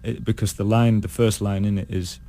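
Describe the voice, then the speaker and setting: A British man, a singer being interviewed, talking in a thoughtful, halting way full of restarts. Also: on the low side, steady tone, vocal fry, dark tone. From United Kingdom. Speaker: guest singer. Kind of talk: casual interview chat.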